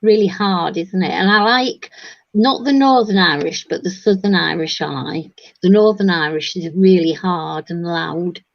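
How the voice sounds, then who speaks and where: An English woman hosting a relaxed crafting chat, talking easily and laughing often. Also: fairly low pitch, a little slow, creaky, dry recording, muffled recording. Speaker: host. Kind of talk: casual chat while crafting.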